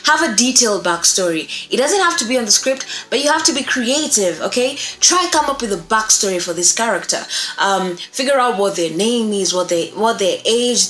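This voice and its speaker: This presenter, a young woman, gives a how-to talk to camera while seated indoors in a small room. She has a fairly bright, medium-pitched voice and speaks with emphasis, often checking in with viewers. There's an echo and faint music in the recording.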